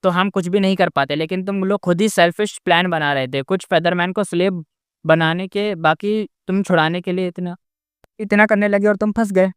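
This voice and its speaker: A man voicing a calm, composed figure who lays out terms in an even tone. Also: sits high, normal speed, clear, resonant tone, no echo, studio quality, lightly acted.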